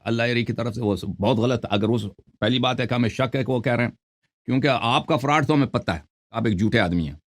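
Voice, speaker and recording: Man hosting, scolding a caller. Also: medium pitch. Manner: scolding, accusing, cuts in over the caller. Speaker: show host. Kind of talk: confrontational live call-in debate.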